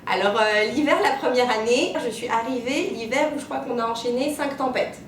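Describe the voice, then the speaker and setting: A woman, a maths teacher chatting in an interview and pausing often on "euh". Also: loud music behind the voice. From Martinique. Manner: chatty storyteller, many "euh" pauses. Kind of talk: casual interview answers. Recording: roomy, distant mic, rumbling noise.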